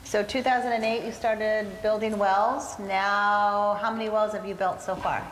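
A woman's voice: mid-range voice, little pitch movement, normal speed, roomy sound, in a large hall, a little hiss or hum, rough recording. A woman co-hosting a morning TV show, asking her guest eager questions during a live interview before an audience.

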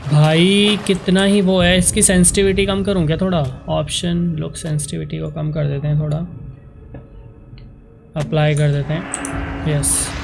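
A man streaming a horror game live, greeting viewers by name and reacting with lively chatter that mixes in English phrases. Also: fairly high pitch, vocal fry, noisy background. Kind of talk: live gameplay commentary.

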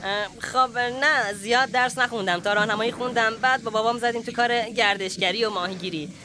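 A man's voice: very high voice, steady tone, bright, forceful tone, a little hiss or hum. A man dubbing an easygoing, scheming young villager in a comedy film, coaxing his friend along. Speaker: dubbing actor. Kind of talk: dubbed comedy film acting.

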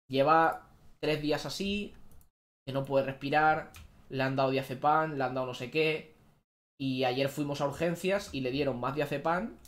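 A man telling a personal story in a vlog, halting and restarting often as he retells what happened. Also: mid-range voice. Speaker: YouTuber.

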